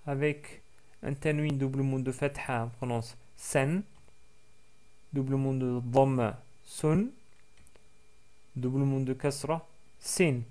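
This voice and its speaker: A man teaching a language lesson for French speakers, slowly repeating each word for practice, with frequent hesitations. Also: medium pitch, steady tone, mellow. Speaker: Arabic teacher.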